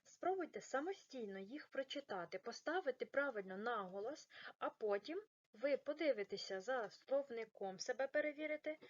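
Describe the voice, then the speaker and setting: A woman teaching a recorded primary school lesson for children, slowing down to stress each word carefully. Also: on the high side, lo-fi sound. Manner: slow, exaggerated stress on words.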